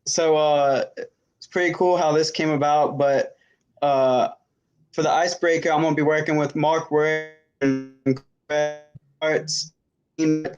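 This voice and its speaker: A man calling in over a video call, his audio glitching and robotic, talking in a halting way with many fillers. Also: a little high, little pitch movement. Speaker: call-in guest. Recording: dull, lo-fi glitchy internet call with faint guitar music.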